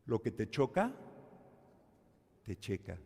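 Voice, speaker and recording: A man, a priest giving a homily at mass, telling stories slowly and acting out the people in them. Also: on the low side, huge pitch swings, vocal fry, darkish tone, breathy edge. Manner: slow, storytelling, acts out quoted people. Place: church during mass. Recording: reverberant church.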